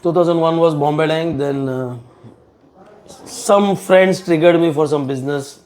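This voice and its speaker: A man's voice: on the high side, measured pace, darkish tone. A middle-aged man from South Mumbai with a Marathi-influenced Indian English accent, mixing in Hindi words as he chats in an interview. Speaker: podcast guest, business partner. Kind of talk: conversational interview, recounting career.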